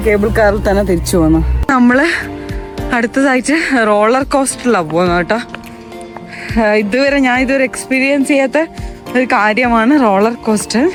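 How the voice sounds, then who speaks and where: A woman with a fairly high voice and a Malayalam accent talks casually as a vlogger. She mixes English phrases into her Malayalam and repeats herself excitedly. Music plays clearly behind her. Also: normal speed. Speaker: travel vlogger. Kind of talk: casual vlog chat to viewers. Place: outdoors at a cold snowy mountain resort.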